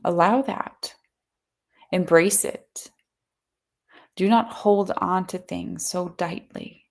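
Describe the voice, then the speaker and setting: A solemn seance medium channels a serene spirit collective , performed by a woman. The voice is gravelly with fry and sits a little low. Each pronouncement comes slowly and deliberately, as a trance message. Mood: calm, reassuring.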